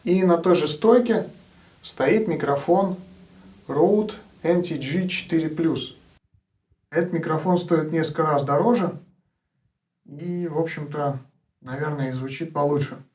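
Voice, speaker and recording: A man presents an audio gear test in an explanatory way. His voice sits a little high for a male speaker. He is speaking far from the microphone, so the pickup sounds distant. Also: unhurried, pauses often, darkish tone. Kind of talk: explanatory equipment demonstration.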